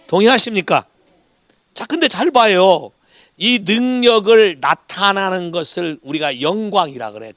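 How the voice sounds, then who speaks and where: High-voiced Korean pastor preaching lively. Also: male voice, dry recording, studio quality. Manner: lively, asks the congregation for agreement again and again; mixes English words into Korean preaching. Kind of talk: Sunday sermon. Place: church in Hawaii.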